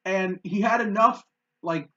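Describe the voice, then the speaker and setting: A man's voice: high-pitched, unhurried, sharp tone, highs cut off. A man co-hosting a podcast, telling a story in a loose, rambling way with frequent laughs. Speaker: podcast co-host. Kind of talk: casual chat.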